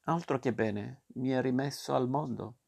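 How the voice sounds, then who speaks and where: A man's voice: medium pitch, normal speed, gravelly, a little mellow, breathy edge. A man reading a storybook aloud and voicing a stubborn, whiny wooden puppet boy in a raised voice. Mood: cheerful. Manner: whiny, protesting.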